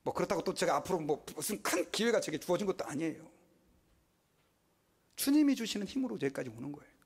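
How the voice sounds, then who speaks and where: A pastor in his fifties delivers a sermon in a fairly high voice. He preaches with emphasis, asks his listeners questions and acts out little quoted exchanges along the way. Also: expressive, quick pace, husky.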